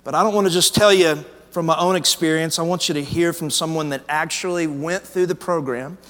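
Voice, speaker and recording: A man's voice: fairly high pitch, brisk, a bit bright. A man, a pastor, telling stories in a casual way during a sermon and interviewing a guest on stage. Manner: casual, storytelling delivery. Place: large church auditorium. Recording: long hall reverb.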